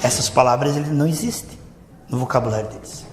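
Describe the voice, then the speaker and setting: A man with a Brazilian Portuguese accent preaching a sermon in a church, fervent, swinging between loud emphasis and low asides. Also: fast talker, a little hiss or hum. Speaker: pastor. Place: church hall. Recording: echoey church hall reverb.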